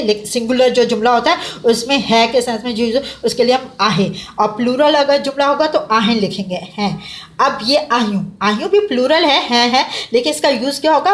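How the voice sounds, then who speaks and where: Woman teacher, a touch high-pitched, patient and slow with her students. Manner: patient, addresses students as "beta", slows to spell out words. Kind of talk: classroom lesson.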